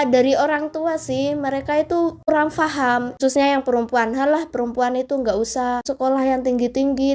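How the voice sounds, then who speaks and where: A woman's voice: sits high, darkish tone, slight background noise. A woman interviewed as a villager, explaining her opinion in a reflective, explanatory way.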